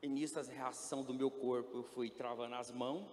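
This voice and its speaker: A man's voice: mid-range voice, flat delivery, a little fast, darkish tone, slight background noise. A man giving an emotional personal testimony. He acts out the quoted dialogue and rises to pleading. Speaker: testimony speaker. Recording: echoey hall with faint ambience.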